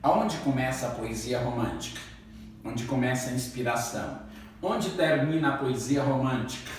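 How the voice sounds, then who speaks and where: A man's voice: medium pitch, moderate pace, a little hiss or hum. A male literature teacher giving a classroom lecture, asking the class questions and then answering them himself, and calling his students "my children". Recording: very echoey room, voice from far off.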